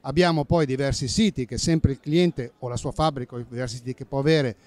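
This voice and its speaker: A man's voice: mid-range voice, fairly quick, darkish tone. A man in his fifties demonstrating a safety app at a busy indoor trade fair stand, speaking into a handheld mic, explanatory and fluent with small self-corrections. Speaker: company safety manager. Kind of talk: trade fair product demo. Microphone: handheld interviewer mic.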